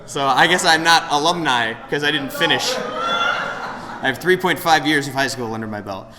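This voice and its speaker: This is a man in his late thirties with a fairly high pitch and moderate pace. Before an audience in a roomy meeting hall, faintly noisy, he offers a candid, self-deprecating recovery share that rambles and keeps restarting.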